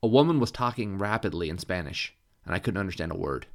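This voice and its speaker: A man reading a first-person novel aloud in a measured, even narration. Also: low voice. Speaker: audiobook narrator.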